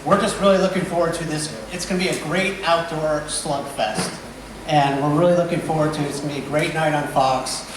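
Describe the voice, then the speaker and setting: A man's voice: fairly high pitch, steady tone, a little fast. A man speaking as a sports executive, giving brief, informal podium remarks at a press conference. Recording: echoey hall from far off, loud noise.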